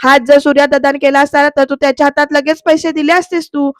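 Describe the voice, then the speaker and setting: A woman's voice: sits high, flat delivery, fast talker, dry recording, natural voice. A woman reading a sulky rebellious young woman. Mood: whining defiant. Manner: whining, shouting back.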